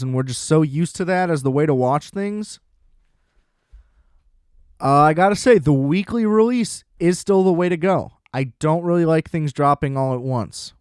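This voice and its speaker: Excitable swearing man, dry close mic. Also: a little high, smooth, dry recording. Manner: excitable, profane, rambling. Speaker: podcast host. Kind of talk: casual solo podcast chat.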